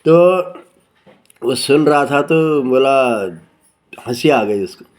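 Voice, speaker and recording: A man telling a folk story in casual speech, rambling and repeating himself, losing his thread and circling back, with quick pitch jumps when he quotes characters. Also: darkish tone. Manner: rambling, repeats "bola" often, loses track and circles back.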